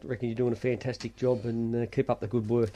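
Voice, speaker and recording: Aussie bloke hosting a radio chat, medium pitch, jokey and teasing with his mates. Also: little pitch movement, quick pace, mellow, dull audio. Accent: Australian. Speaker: radio show host. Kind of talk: casual panel banter.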